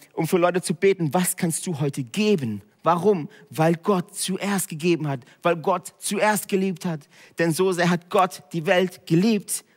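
Preaching man in a reverberant hall. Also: sits high. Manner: direct, swinging between hushed and loud emphatic preaching. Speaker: pastor. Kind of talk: sermon.

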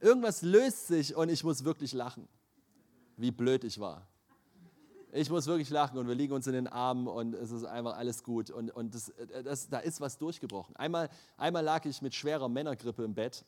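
A man's voice: medium pitch, normal speed. A middle-aged man preaching a sermon, telling personal stories with lots of laughter and acting out quotes. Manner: animated storytelling, laughs often, acts out quotes.

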